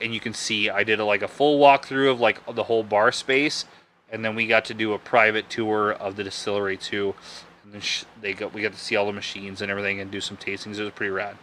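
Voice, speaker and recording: On the low side with a sharp tone, this young man's voice carries a casual, live-stream-style podcast chat. As he reviews a bourbon, he rambles a little in a laid-back way and often corrects himself.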